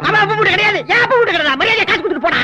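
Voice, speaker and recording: An actor playing a short-tempered eatery owner who scolds and demands payment in a film comedy. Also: male voice, very high-pitched, racing, full character voice. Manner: scolding, blustering, animated. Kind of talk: Tamil film comedy acting.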